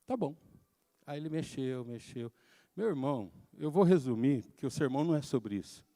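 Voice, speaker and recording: A man preaching a sermon as pastor, telling a story in an animated way that swings from soft to shouting. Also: medium pitch, fairly quick. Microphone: handheld microphone.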